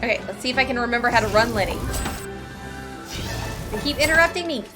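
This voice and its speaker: Over the game's music, a streamer with a fairly high, animated voice rattles quickly through commentary on a story game. She keeps it chatty and casual, teasing the game and answering it back.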